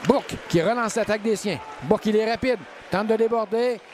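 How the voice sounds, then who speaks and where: A man with a Quebec French accent delivers excited sports commentary as a hockey play-by-play announcer. His voice sits high and rises to shouts on the action, with clear noise around it. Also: fairly quick. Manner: shouts out goals and saves.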